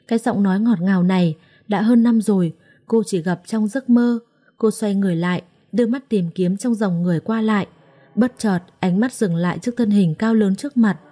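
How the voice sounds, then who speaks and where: A woman storyteller reads a story aloud. Her delivery is gentle and measured. Her voice is mellow and warm, at an ordinary pitch. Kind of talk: scripted story narration.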